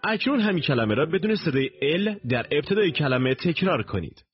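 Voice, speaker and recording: Husky man narrating a language course. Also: on the high side, sing-song. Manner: slow, deliberate, instructive. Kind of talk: scripted instructional narration. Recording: dull lo-fi tape recording.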